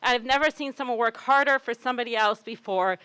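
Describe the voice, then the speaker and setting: A woman warmly introducing a friend at an outdoor rally. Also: a little high, fast, clear, resonant tone, no echo. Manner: warm, admiring praise. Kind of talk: introductory speech.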